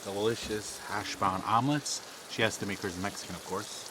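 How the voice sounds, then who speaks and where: A man's voice: on the low side, fairly even intonation, moderate pace. A man hosting a camping vlog, chatting in an easygoing, joking way outdoors. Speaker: vlog host. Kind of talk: casual vlog chat. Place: outdoor campsite. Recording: noisy outdoor camera audio.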